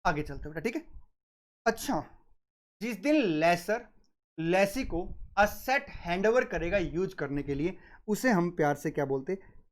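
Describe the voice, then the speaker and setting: A man's voice: high voice, animated, a little slow, pauses often. A man giving a classroom lecture on accounting, asking his students questions and answering them himself, and fondly addressing them as "beta" and "sahab". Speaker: accounting exam tutor.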